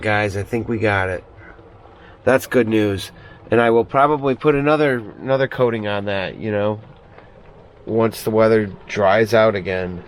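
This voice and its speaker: A man chatting casually and thinking aloud as he vlogs about chores inside a small RV trailer. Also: fairly low pitch. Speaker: vlogger. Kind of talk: casual vlog chat, narrating chores.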